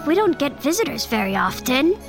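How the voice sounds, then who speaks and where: A woman's voice: sits high, very animated, a little fast, over music. A woman voicing a friendly, easygoing male gnome miner with a surfer-like drawl in a tabletop game. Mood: friendly, casual. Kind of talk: tabletop role-play.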